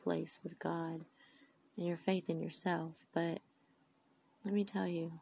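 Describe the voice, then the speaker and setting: A woman's voice: lowish voice, flat delivery, slow pace, creaky, darkish tone, slightly rough. A woman giving a heartfelt, emphatic inspirational talk about faith, sounding tired and tearful. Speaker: faith vlogger. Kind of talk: inspirational monologue.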